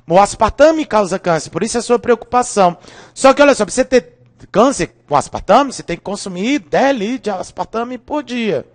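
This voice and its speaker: A Brazilian chemistry teacher with a high, bright-edged voice leads a live online review class. He cracks corny jokes, teases himself, and keeps asking whether the students are following. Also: fairly quick. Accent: Brazilian Portuguese. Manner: joking, lively, keeps checking in with students.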